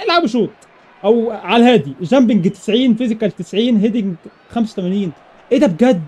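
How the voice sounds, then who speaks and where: Rapid-fire excitable Egyptian gamer guy. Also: sits high, husky. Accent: Egyptian Arabic. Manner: excitable, repeats exclamations rapidly. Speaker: gaming YouTuber. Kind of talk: live gameplay commentary.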